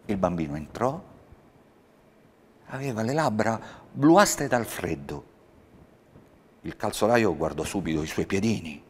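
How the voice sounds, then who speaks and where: A man reading a Christmas fairy tale aloud in a measured, expressive storytelling manner. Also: fairly low pitch, husky.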